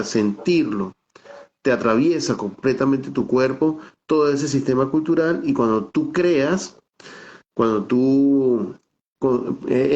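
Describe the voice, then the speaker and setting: A middle-aged theater director from Táchira in the Venezuelan Andes speaks as a guest in an online talk, his medium-pitched voice carrying a darkish tone. He explains things reflectively and at length, restarting often, using fillers and tacking on "¿no?" as he goes. The video call audio sounds dull and lo-fi.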